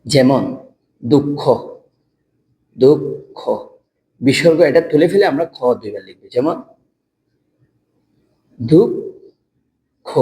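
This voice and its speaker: A man teaching a spoken lesson on pronunciation rules, halting and repeating words slowly as if for dictation. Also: on the high side, a little mellow, poor audio.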